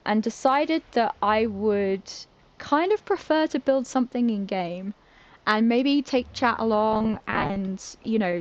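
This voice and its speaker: British woman, live-streaming a game, casual chat, laughs easily, stumbles over words, average pitch, dull lo-fi sound. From Britain. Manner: chatty, giggly, self-mocking, trips over words.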